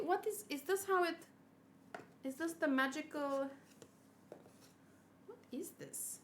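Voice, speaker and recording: In a very high, slightly bright voice, a thirty-year-old gaming-channel host gushes over plush gifts she's unboxing during a casual livestream. Her chatter is cutesy and rambling.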